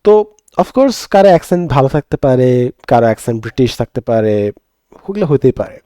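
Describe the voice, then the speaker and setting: A man's voice: mid-range voice, animated, brisk, warm tone, dry recording, studio quality. A young Bangladeshi man, a teacher, giving an earnest, reflective monologue and switching between Bengali and English mid-sentence.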